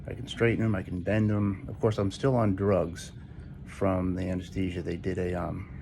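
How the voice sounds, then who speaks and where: A man with a low, gravelly voice talks casually to a video diary as a patient, halting and matter-of-fact as he searches for words, in a hospital room. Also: little pitch movement, dark tone. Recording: noisy room ambience behind voice.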